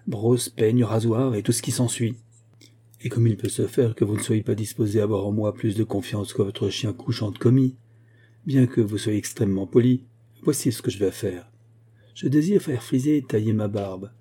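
A man voicing a bitter, ragged vagabond who speaks curtly and defiantly in a dark, husky voice. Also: on the low side, fairly even intonation, normal speed. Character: bitter, ragged male vagabond, hard and resolute.

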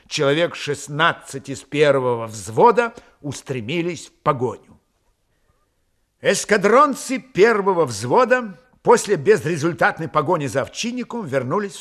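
Man with a lively, high reading voice. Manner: expressive, dramatic reading. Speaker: audiobook reader. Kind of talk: literary audiobook narration.

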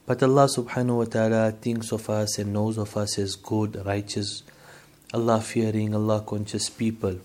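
A man giving a sermon, telling a moral story in a measured, steady way. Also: on the low side. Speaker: Islamic preacher.

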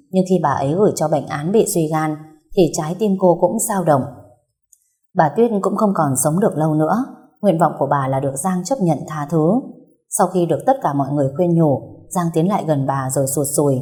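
A young woman narrates a story in a calm, even manner. Her voice sits a little low and sounds mellow and soft-edged, paced for steady listening. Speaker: audiobook narrator. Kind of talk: scripted narration.

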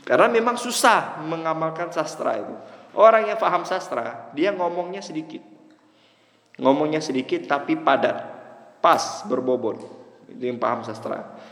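A man giving a classroom lecture on Arabic rhetoric who keeps asking his students whether they understand, mixing Arabic terms into his explanations with lively swings in pitch. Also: normal speed. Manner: lively, wide pitch swings between emphatic high lines and low asides. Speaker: religious teacher. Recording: echoey hall reverb.

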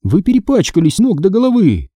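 A caring mother, brisk and a little worried, sending her children off to wash, as a man puts her on. The voice is lifted higher, husky and mellow. A storybook read in a dry, close sound. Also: huge pitch swings, no room sound, heavily acted.

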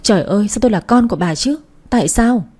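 A woman's voice: medium pitch, lively intonation, quick pace, mellow, natural voice. A woman voicing a spiteful, envious young woman who sneers at her rivals. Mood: despairing.

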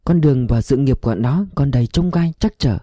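A man voicing a gentle dead wife who speaks in a solemn, soothing, philosophical way. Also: medium pitch, fairly quick, no echo, studio quality, natural voice. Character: gentle dead wife, woman, calm, fatalistic.

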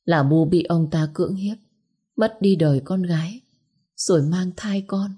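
A woman's voice: fairly low pitch, a little slow, dark tone, breathy edge. A woman doing a weary, stern but loving mother. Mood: bitter. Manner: comforting, turns hard when bitter.

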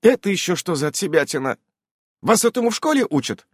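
A man's voice: high-pitched, very animated, quick pace, slightly rough, dry recording, studio quality, voice pushed up, heavily acted. A man reading an audiobook, voicing a worried, protective witch mother who fusses and complains. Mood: indignant. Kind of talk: audiobook character voice.

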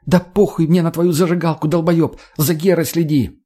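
A man reading an audiobook, voicing a furious, foul-mouthed young woman who shouts and swears. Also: a little high, steady tone, moderate pace, breathy edge, voice pushed up.

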